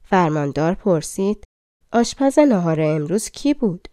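A woman narrating a fairy-tale audiobook in a calm, colloquial storytelling manner, close to the mic. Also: fairly low pitch, no room sound.

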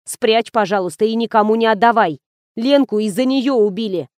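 A woman's voice: fairly high pitch, normal speed, a little mellow, no echo, clean studio sound, natural voice. A woman reading an audiobook, voicing a gloomy, secretive woman who speaks grimly. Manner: grim, muttering.

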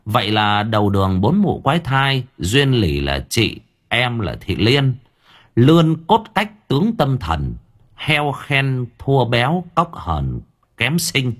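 A man narrating a story in a colloquial, wry and lively way. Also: mid-range voice, slow pace. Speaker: audiobook narrator.

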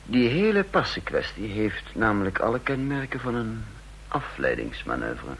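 An actor in a vintage radio drama voices both the narrator and the lead, a shrewd counterintelligence chief with dry, self-assured irony. His lowish, fairly bright voice swings widely in pitch at a moderate pace. A little hiss or hum is audible.

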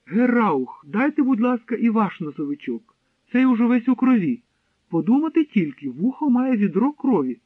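A man's voice: very high-pitched, very animated, moderate pace, husky, no room sound, pitched above the performer's own voice, heavily acted. A man reading an audiobook, voicing a sly, calculating male collaborator who speaks politely and coaxingly. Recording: dry, tinny narrow-band sound.

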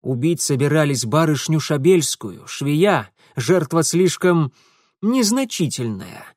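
A man's voice: on the high side, big pitch swings, slow pace, darkish tone, dry recording, full character voice. A blunt, cocky young man, as a male narrator plays him, firing off short retorts a little raised over the narration. The recording is close and dry. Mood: irritated. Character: brash, reckless young man, curt and cocky.

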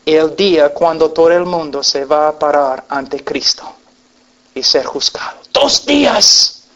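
Man, slow sermon, pleading, fervent. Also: fairly high pitch, steady tone, dull audio. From United States. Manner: impassioned, pleading, rising to loud peaks. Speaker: preacher. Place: meeting hall.

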